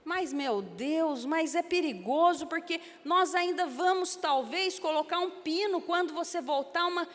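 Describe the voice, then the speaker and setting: A cautious, puzzled doctor fires off quick, incredulous questions, as a woman preacher quotes him. The voice sits high, and a long church echo trails after each phrase. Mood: worried. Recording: echoey church hall.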